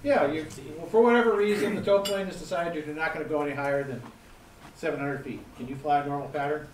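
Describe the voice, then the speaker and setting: Middle-aged man, instructor, a bit higher-pitched than most, quizzes listeners and hammers points home; echoey room, distant mic. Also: fast talker, slight background noise. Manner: quizzing the audience, emphatic repetition. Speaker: gliding safety instructor. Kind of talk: interactive seminar lecture. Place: seminar room.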